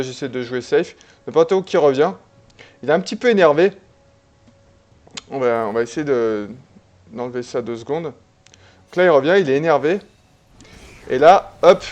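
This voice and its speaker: Reviewing a replay of his own online match, a man chats in a relaxed way, stumbling through fillers and restarts. He has a medium-pitched voice, and the recording's highs are cut off.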